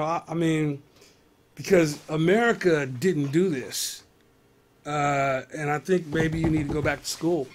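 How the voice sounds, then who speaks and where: A comedian hosting a live web show, riffing on news stories and talking straight to his viewers in a casual, exasperated way. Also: on the high side.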